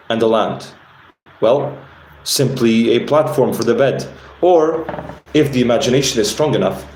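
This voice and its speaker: A man's voice: medium pitch, darkish tone. A man, the author, reading narration from his own fantasy novel aloud in an unpolished way, sometimes stumbling and correcting himself. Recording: roomy, with faint background noise.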